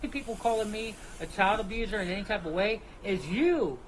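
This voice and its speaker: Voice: mid-range voice, expressive, fairly quick, slight background noise, poor audio. A person talking spontaneously and defensively, insistent and indignant in denial. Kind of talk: defensive spontaneous talk in a played clip.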